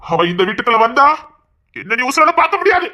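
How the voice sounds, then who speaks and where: A man's voice: extremely high pitch, big pitch swings, quick pace, lo-fi sound. A man playing a hot-tempered young Tirunelveli man. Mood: stern, angry. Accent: Tirunelveli Tamil. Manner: harsh, commanding, threatening. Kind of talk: comedy skit drama.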